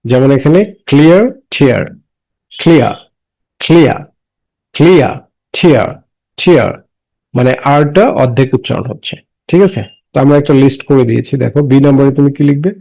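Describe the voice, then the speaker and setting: A man teaching a class. He asks questions and answers them himself, and reads English sentences slowly and deliberately. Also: mid-range voice, gravelly, warm tone. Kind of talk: classroom lesson explaining English words in Bengali. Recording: dull lo-fi recording.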